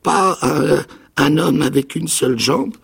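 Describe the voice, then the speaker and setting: An actor playing a ragged, half-mad old marooned pirate with a raspy, creaking voice, pleading and eager in a dramatic radio reading of a novel. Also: male voice, a little slow, heavily acted. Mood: excited. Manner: high, pleading, eager voice with excited leaps.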